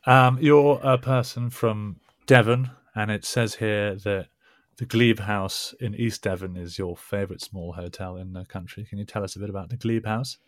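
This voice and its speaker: A man's voice: lowish voice, fairly even intonation, normal speed, no echo, studio quality. A man hosting a casual podcast interview, talking in a hesitant, rambling way. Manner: hesitant, rambling, with many fillers and restarts. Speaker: podcast host.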